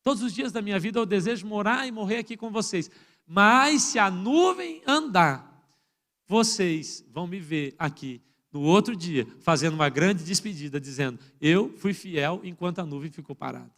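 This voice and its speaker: A high-pitched male pastor from Brazil preaching a sermon in church. He swings from loud, ringing exclamations down to hushed, personal asides as he addresses his congregation. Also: lively intonation, moderate pace.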